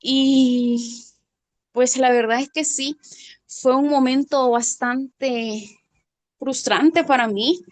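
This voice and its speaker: A woman from Guatemala shares a personal testimony over a video call on her phone. Her voice sits somewhat high, and she talks in a halting, hesitant way, dropping almost to a murmur at the heavy moments. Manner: hesitant, halting, voice drops low when moved. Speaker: class participant sharing a testimony.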